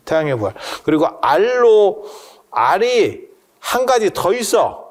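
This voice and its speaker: Chatty monk joking with listeners. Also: male voice, a little high, darkish tone. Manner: chatty, joking, asks the audience questions. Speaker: Buddhist monk lecturer. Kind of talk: casual dharma talk to an audience. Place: temple hall with listeners.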